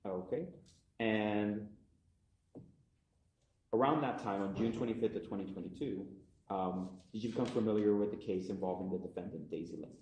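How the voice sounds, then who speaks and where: A man questioning a witness as prosecutor in a measured way, heard in a courtroom recording. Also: lowish voice, darkish tone. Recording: echoey courtroom audio.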